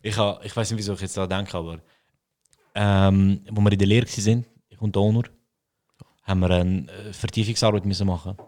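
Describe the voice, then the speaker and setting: A young man from Switzerland, co-hosting a casual podcast chat, telling stories in slangy, animated speech. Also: lowish voice, fairly quick. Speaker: podcast co-host.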